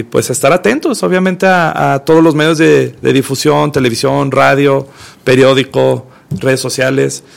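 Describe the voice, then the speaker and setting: A man's voice: mid-range voice, gravelly. A man in casual talk as an event organizer, rambling and repeating words as he thinks. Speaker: cultural event organizer guest. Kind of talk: casual radio chat.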